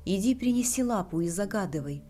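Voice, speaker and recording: A woman's voice: mid-range voice, expressive, a little fast, dark tone, faint music behind, close to an everyday voice. A woman reading a frantic, grief-mad old mother. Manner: cries out in wild, hysterical bursts. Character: grieving elderly mother, frantic and desperate.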